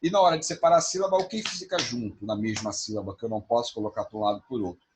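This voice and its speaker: A man teaching an online class, spelling out examples slowly. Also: on the low side, background noise.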